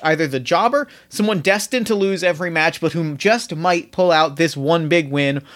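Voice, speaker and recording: A man's voice: on the high side, fairly bright tone. A man hosting a podcast, talking in an enthusiastic, effusive and informal way as he introduces the show. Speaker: podcast host. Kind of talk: casual podcast introduction and interview.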